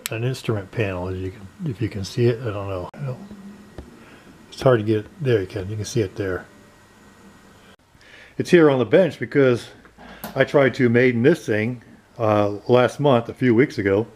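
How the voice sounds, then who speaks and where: Unhurried and expressive, with long pauses, this mid-range, slightly mellow male voice belongs to an RC plane hobbyist walking viewers through his basement workshop. He discusses a model plane rebuild matter-of-factly, wandering off topic and correcting himself along the way.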